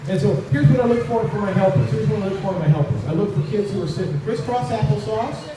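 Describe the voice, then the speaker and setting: A man with a high, fast voice hosts a live magic show for kids, teasing his audience with theatrical, repetitive patter. He keeps repeating phrases and stretching out playful build-ups. The live recording sounds echoey, noisy and distant.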